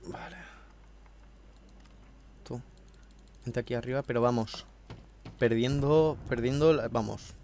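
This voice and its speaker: Talking slowly and pausing often, a man with a slight cold commentates a video game from home, chatting casually and swearing, his throat a bit hoarse. His mid-range voice is a little mellow, and a faint hiss or hum is audible.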